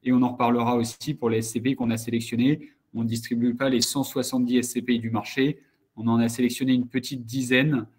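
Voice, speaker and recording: A man's voice: mid-range voice, little pitch movement, quick pace, a little mellow, breathy edge. A man hosting a webinar who speaks hesitantly and repeats words as he starts his sentences. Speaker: host and company co-founder.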